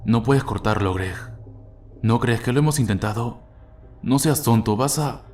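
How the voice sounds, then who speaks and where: Desperate, pleading mother in a horror tale, voiced by a deep-voiced male narrator. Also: moderate pace, faint music behind, lightly acted. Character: frightened pleading mother, adult woman.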